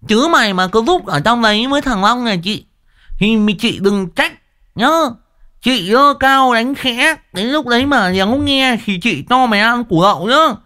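A woman's voice: on the high side, lively intonation, normal speed, a bit bright. A woman voicing a burly, bullying woman neighbor who bellows her threats and garbles her words with a heavy lisp. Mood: threatening. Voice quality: mispronouncing, lisping speech.

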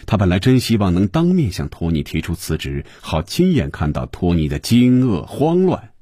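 A man narrating a novel in an expressive storytelling manner. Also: deep voice, normal speed, slightly rough, no room sound, clean studio sound. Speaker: audiobook narrator.

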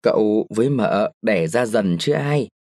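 A man voicing a gentle, sorrowful young mother. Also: on the low side, expressive, a little slow, dry recording, clean studio sound. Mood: sad gentle. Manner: soft, sad, sometimes sharp. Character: young widowed mother, gentle but scolding.

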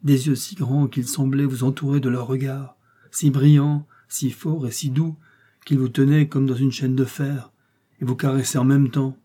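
Audiobook: male reader voicing a brawny heartbroken street tough, dark husky tone, exclamatory. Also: on the low side, moderate pace. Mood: adoring. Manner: emotional, pleading, exclamatory. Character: huge lovesick Parisian tough guy, grieving.

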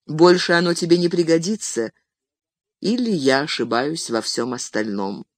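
A reader voicing an old male wizard who speaks calmly and measuredly, turning stern, in an audiobook reading. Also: mid-range voice, no room sound, studio quality, close to an everyday voice. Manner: calm, measured, stern at times.

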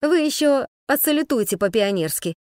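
A woman voicing a sharp-tongued young woman who is scared but defiant, firing back mocking retorts in a raised, loud voice. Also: high-pitched, animated, normal speed, no echo, studio quality, voice pushed up. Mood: indignant.

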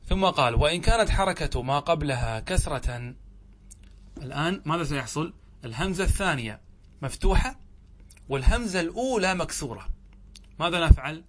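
Man, sheikh, grammar lesson, fairly high voice, questions and answers himself, drawn-out example words. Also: animated, fairly bright tone, a little hiss or hum. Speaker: sheikh teaching Arabic grammar. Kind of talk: classroom lesson explaining a grammar text.

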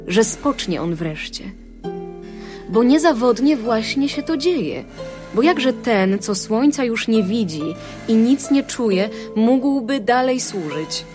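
An actress playing a solemn woman of the chorus, speaking in measured, grave tones in a radio drama. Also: on the high side.

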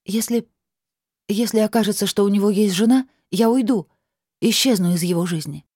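A woman's voice: medium pitch, animated, a little slow, dark tone, breathy edge, no room sound, studio quality, pitched above the performer's own voice. A woman reading an audiobook voices a frightened young heroine, tense and pleading.

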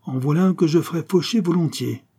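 A man's voice: fairly high pitch, a little fast, dark tone, slightly rough, voice pushed up. A man reading a French novel aloud, voicing a shrewd old female rag-picker with a sly, wheedling manner. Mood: bitter.

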